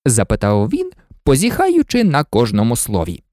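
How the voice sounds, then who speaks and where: Male storybook reader, very animated, gravelly tone, dry close sound. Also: mid-range voice, normal speed, dry recording. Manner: animated, swooping up and down. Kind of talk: expressive storybook narration.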